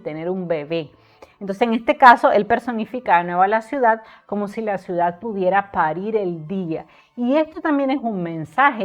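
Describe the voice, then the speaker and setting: A woman's voice: mid-range voice, highs cut off. A woman literature tutor giving an online poetry lesson, explaining step by step and counting syllables aloud to her students.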